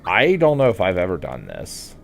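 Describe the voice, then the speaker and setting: A man with a very deep voice gives a casual video game walkthrough. His pitch moves around in a lively way as he guides the player, with music clearly playing behind him. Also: moderate pace.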